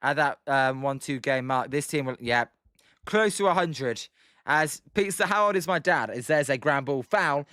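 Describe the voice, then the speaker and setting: Chatty young British man, bright clear voice. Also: lively intonation, moderate pace, no echo, studio quality. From United Kingdom. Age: 20s. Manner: chatty, reads out viewers' names and answers them between pitch calls. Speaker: livestream host. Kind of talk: casual play-by-play with chat replies.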